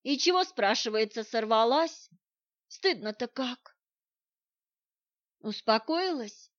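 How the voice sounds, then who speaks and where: A woman's voice: a little high, moderate pace. A woman reading a novel aloud in first person, with a wry, irritable edge. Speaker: audiobook narrator. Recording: dull lo-fi sound.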